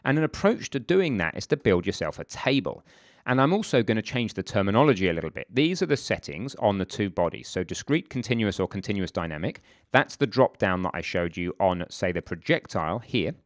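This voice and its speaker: A man's voice: fairly low pitch, sing-song, brisk, dry recording. Chatty male tutorial instructor, dry sound. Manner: informal, chatty, self-correcting asides. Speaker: game development instructor. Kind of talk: screen-recorded software tutorial.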